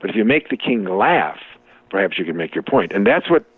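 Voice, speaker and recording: A man's voice: on the low side, very animated, a little fast, breathy edge, no echo. A man being interviewed in a casual chat, talking in a rambling way with many restarts and fillers. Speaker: interview guest. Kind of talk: conversational interview. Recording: tinny phone-like dry sound.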